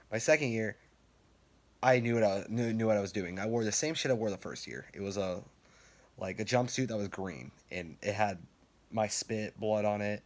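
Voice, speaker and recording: A young man with a fairly low voice tells stories casually. He rambles and swears freely, and he laughs now and then. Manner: rambling, profane, laughs while telling. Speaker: vlogger. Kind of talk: casual storytelling.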